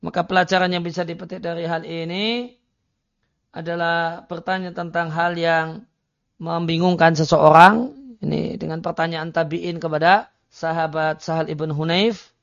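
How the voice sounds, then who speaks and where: Gravelly man teaching a religious text. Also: fairly high pitch, little pitch movement, measured pace, a bit bright, no echo. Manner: reads Arabic text then explains it, with frequent hesitation fillers. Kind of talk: kitab study lecture. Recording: dry, dull lo-fi recording.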